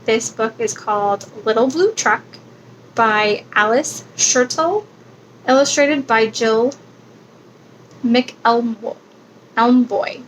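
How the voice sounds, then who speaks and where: Woman reader, higher voice, very slow storybook delivery, faint hiss behind. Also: poor audio. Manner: slow, gentle bedtime reading with sound effects. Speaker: children's book reader. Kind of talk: reading picture books aloud.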